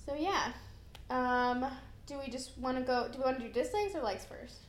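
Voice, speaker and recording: A woman's voice: high-pitched, normal speed. A young woman co-hosting a podcast, chatting casually and informally about film with a giggly manner, recorded in a house. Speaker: podcast co-host. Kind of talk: casual film review chat. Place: echoey room in a house. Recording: echoey room with background noise.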